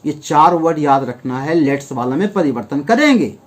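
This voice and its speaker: A man's voice: on the high side, animated, moderate pace. A man with an Indian accent teaching an English grammar lesson, explaining step by step, asking the class questions and acting out small example dialogues. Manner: acts out little example dialogues.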